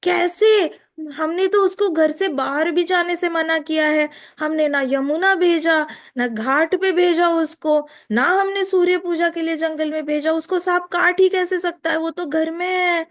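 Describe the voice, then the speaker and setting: A woman's voice: high-pitched, fairly even intonation, unhurried. A woman voicing an anxious old mother-in-law who frets and pleads in a raised, wailing voice. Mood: worried. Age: older.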